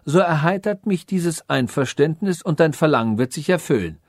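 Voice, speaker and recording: A man's voice: on the high side, animated, normal speed, no echo, studio quality, voice pushed up. A man voicing a cruel robot king who mocks his sage and orders executions, in an audiobook reading. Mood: scornful. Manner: mocking, scornful and commanding.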